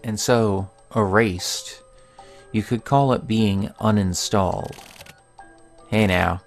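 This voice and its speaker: A man hosting a let's play, reading game dialogue aloud in a slow, measured way and adding his own remarks. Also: on the low side, steady tone, soft background music.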